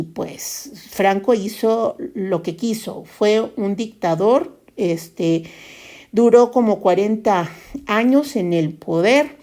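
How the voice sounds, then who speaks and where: A woman presenting a lesson in a measured explanatory tone, using fillers such as "este" and "pues.". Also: mid-range voice, mellow.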